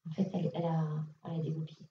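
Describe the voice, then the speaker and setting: Racing through her readings in a flat monotone, another woman medium speaks to a conference crowd in a casual, direct style heavy with fillers. Her voice is deep, with slight background noise behind it. Sound comes from a distant lo-fi mic in an echoey hall.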